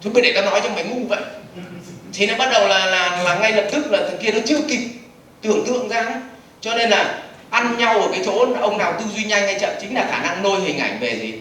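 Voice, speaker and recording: A man gives a lively seminar lecture, putting questions to the audience and answering them himself. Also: sits high, brisk, recorded from a distance, a little hiss or hum. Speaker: business trainer. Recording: echoey hall recorded from afar.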